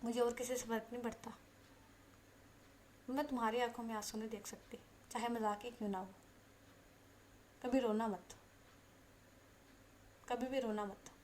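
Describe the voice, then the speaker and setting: Woman reading as a serious, caring young woman, soft and earnest, storybook lover. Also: on the high side, steady tone, takes it slowly, pauses often, slight background noise. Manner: earnest, softened.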